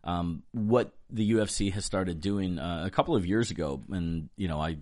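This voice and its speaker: A man with a lowish voice talks through fight booking in a loose podcast chat. He pauses often, fills gaps with ums and uhs, and drops the odd deadpan joke. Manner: halting, lots of ums and uhs, dry jokes. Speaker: fight matchmaker and promoter.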